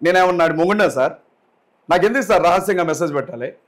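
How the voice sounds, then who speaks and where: A man giving an interview as a guest, speaking forcefully and indignantly, repeating his points and addressing the interviewer respectfully. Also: sits high, expressive, quick pace. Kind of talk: heated interview talk.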